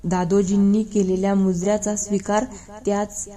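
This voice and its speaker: A woman reading a historical novel aloud in a measured storytelling manner. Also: mid-range voice, level tone, dark tone. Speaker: reader.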